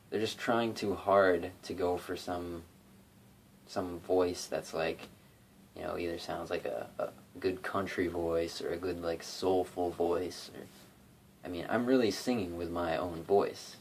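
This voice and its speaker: This low-voiced young man makes covers on YouTube, singing and playing guitar, and here he chats loosely about that work, stumbling through fillers and false starts. It's vlog-style rambling captured on a phone in his bedroom, with a faint hiss or hum underneath.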